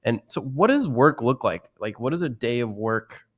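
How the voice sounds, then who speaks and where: A man's voice: mid-range voice, big pitch swings, moderate pace, a bit bright. A male podcast host with an ordinary mid-range voice. He is easygoing and curious as he asks his guest questions. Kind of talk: casual conversational interview.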